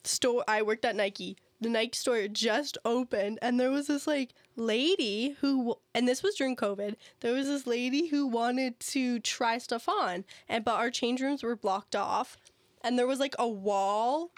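A woman's voice: fairly high pitch, a little slow, no echo. A young woman telling work stories in casual chat on a podcast, full of "like" and restarts. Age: young adult. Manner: chatty storyteller, lots of "like" and restarts. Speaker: podcast co-host.

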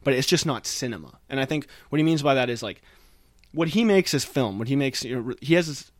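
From a chilly attic, a chatty man hosts a laid-back film podcast, his mid-range voice expressive and fast. The sound is dry and studio quality.

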